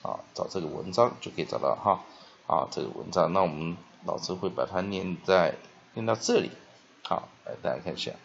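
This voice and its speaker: A man teaching English pronunciation, breaking words into syllables slowly and reading text aloud in a steady, deliberate way. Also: low-pitched, gravelly, highs cut off. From Taiwan. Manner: drills words slowly syllable by syllable, then reads aloud loudly. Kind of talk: spelling and pronunciation lesson.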